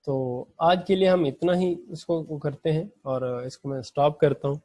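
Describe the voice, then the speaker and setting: A man teaching an online language class, explaining patiently step by step and repeating examples slowly. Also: on the high side, fairly even intonation, dark tone, dry recording. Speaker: Farsi teacher.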